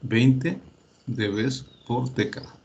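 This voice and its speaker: A man teaching a class, working through calculations step by step, often pausing with fillers and checking that his students follow. He tells them to verify the results themselves. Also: medium pitch, gravelly, a little mellow, dull audio. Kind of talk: lecture.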